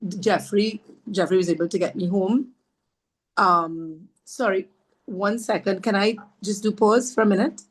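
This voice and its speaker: A woman from Trinidad and Tobago, a podcast guest sharing a personal story in an earnest, halting way, often acting out what others said. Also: medium pitch. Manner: earnest, often acts out others' words in her retelling; halting, with fillers and restarts.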